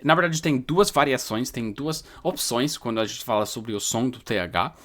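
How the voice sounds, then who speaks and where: A native English speaker from New York, United States, this man has an American New York accent and a medium-pitched, slightly bright voice at normal speed. He teaches pronunciation informally to viewers, repeating and stressing words as he explains.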